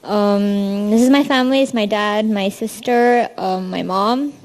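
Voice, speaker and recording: A woman's voice: medium pitch, fairly even intonation, a little slow. A young woman from India stands before an audience and talks about her university life. Her delivery is loose and friendly, sprinkled with ums and small restarts, like a student presenting to a room. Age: young adult. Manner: casual, frequent ums, friendly. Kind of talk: presentation talk.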